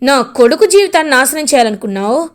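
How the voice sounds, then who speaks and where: A woman voicing a fierce, stern middle-aged mother-in-law who shouts and threatens. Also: sits high, lively intonation, fast. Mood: furious.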